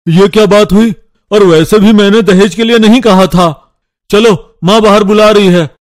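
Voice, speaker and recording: A man voicing a patient young husband who grows loudly exasperated. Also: high voice, steady tone, normal speed, no echo, studio quality, natural voice.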